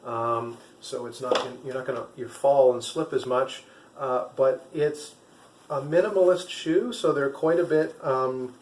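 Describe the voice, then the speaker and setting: A man's voice: mid-range voice, unhurried. A man giving a casual, rambling product review to camera, with some hesitation. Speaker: vlogger and trail runner. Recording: echoey room with faint background noise.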